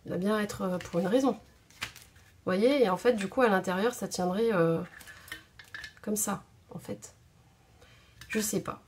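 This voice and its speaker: A woman's voice: mid-range voice, unhurried, long pauses, darkish tone, slight background noise. A woman hosting a craft video at home, chatting casually and thinking aloud with many hesitations. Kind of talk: casual tutorial chat. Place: home craft table indoors.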